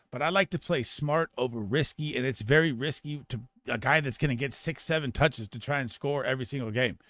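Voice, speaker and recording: A man giving casual fantasy football start and sit analysis in an emphatic, rapid way, often restarting his sentences. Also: mid-range voice, bright, forceful tone, dry recording, clean studio sound.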